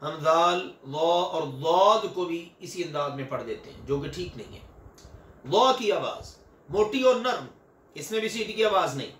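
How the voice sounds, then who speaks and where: A man's voice: a little high, expressive, unhurried, a bit bright, reverberant, distant mic. An older man teaching Quranic recitation, patiently repeating and stretching each example sound. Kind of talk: recitation lesson with drawn-out examples.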